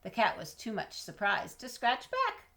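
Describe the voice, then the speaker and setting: A woman reading a children's storybook aloud expressively, with dramatic pauses, drawn-out words and questions to her young listeners. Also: on the high side, huge pitch swings, sharp tone. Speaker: storybook reader.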